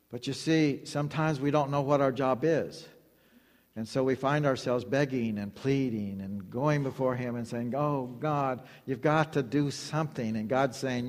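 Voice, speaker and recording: A man preaching a sermon emphatically, repeating phrases and drawing the congregation into call-and-response. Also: mid-range voice. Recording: long hall reverb.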